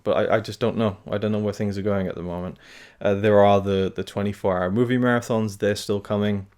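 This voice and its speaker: Fairly low in pitch with a darkish tone, the host of a film review channel offers a loose, rambling update to camera. He hesitates, restarts often, and leans on fillers while minding an aching tooth.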